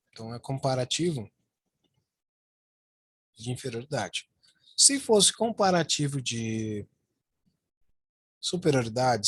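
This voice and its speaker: Husky man teaching English. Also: mid-range voice, no room sound. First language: Portuguese. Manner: repeats "ó" and "né" while pointing at slides. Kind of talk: online lesson explaining slides.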